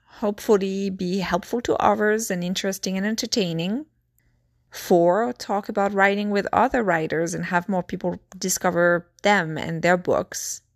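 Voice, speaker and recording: A woman hosting her own podcast in casual solo chat, slightly hoarse from losing her voice, talking in a chatty, reflective way and listing her points one by one, recorded on a phone. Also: lowish voice, no room sound, studio quality. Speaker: podcast host.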